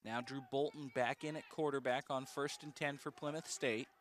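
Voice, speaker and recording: Brisk male play-by-play football announcer. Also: medium pitch, steady tone, slight background noise. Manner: brisk, precise calling of each play. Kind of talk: live football play-by-play commentary.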